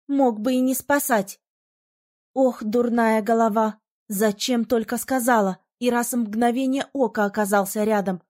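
A woman narrating a novel in the first person, reading in an expressive, lively way. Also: fairly high pitch, measured pace. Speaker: audiobook narrator.

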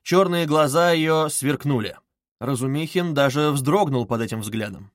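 A man narrating an audiobook of a classic novel in a measured, literary manner. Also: a little high, dry recording, clean studio sound.

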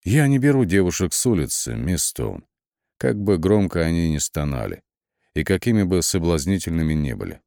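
A man reading the lines of a wealthy, brilliant male artist in an audiobook, speaking slowly and coolly with measured questions. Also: sits low, sing-song, creaky, warm tone, no echo, clean studio sound, heavily acted. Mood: cool, probing. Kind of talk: audiobook character voice.

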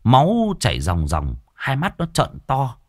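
A man narrating a ghost story in an expressive, dramatic way. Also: medium pitch, a little slow, dry recording, studio quality.

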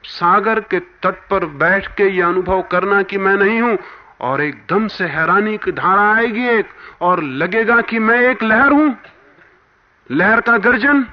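High-voiced man giving a fervent spiritual talk. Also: takes it slowly, slight background noise. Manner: emphatic, swinging between forceful rises and hushed drops. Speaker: spiritual teacher. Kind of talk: spiritual discourse. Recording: dull lo-fi archival talk recording.

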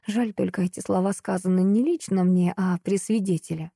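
A woman narrating a first-person audiobook in an expressive, storytelling way. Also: medium pitch, moderate pace, creaky, husky, dry recording, studio quality.

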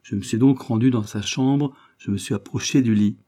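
A man reading the part of a grave husband who confides a painful secret, in a solemn, measured manner. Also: mid-range voice, mellow, close to an everyday voice.

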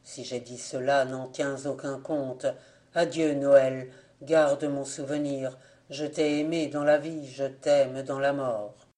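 A man reading an audiobook voices the ghost of a young soldier, speaking in a hushed, slow and mournful way. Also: medium pitch, little pitch movement, close to an everyday voice. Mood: sorrowful. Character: ghost of a young male soldier, sorrowful and weary.

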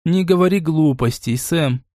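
A man's voice: a little high, measured pace, dark tone, no echo, pitched above the performer's own voice, natural voice. A prim twelve-year-old girl speaks in a raised, reasoning voice, put on by a man reading a storybook. She sounds careful and a little suspicious. The recording is close and dry. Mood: scolding.

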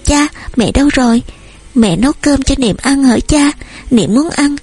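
A woman reading an audiobook, voicing a small hungry girl who pleads with her father in a high childlike voice. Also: lively intonation, moderate pace, darkish tone. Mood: pleading.

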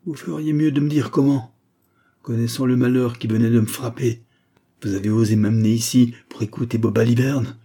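A man's voice: medium pitch, moderate pace, dark tone, breathy edge, natural voice. A man voicing a bitter, grieving male doctor who lashes out indignantly, hammering each word. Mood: furious, contemptuous.

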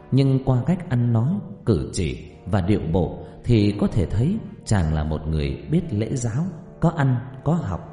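A man narrating a story in an expressive, dramatic reading style. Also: on the low side. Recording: echoey reverb, faint music behind.

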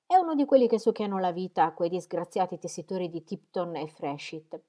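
A woman reading as a disdainful young gentleman. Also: fairly low pitch, expressive, brisk, lightly acted.

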